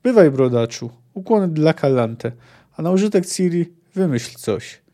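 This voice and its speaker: A man's voice: lively intonation, a little slow, warm tone. A man reading a weary stoic monster hunter. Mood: grim resigned. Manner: terse, low, resigned.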